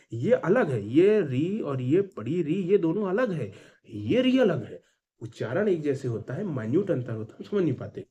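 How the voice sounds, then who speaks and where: A man's voice: mid-range voice, dark tone, husky. A male teacher giving an exam-prep grammar lesson, asking and answering his own questions and repeating key points with emphasis.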